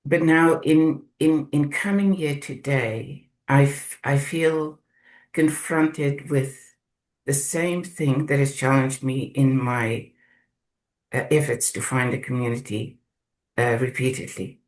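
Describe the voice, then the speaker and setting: A man from South Africa sharing his experience in a group video call, speaking slowly and haltingly as he searches for words. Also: mid-range voice, steady tone, poor audio. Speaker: course participant.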